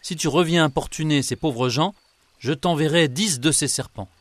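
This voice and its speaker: A man voicing an old male beggar with hidden powers, calm and threatening, in a storybook reading. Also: fairly high pitch, moderate pace, no room sound, voice pushed up, lightly acted. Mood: stern.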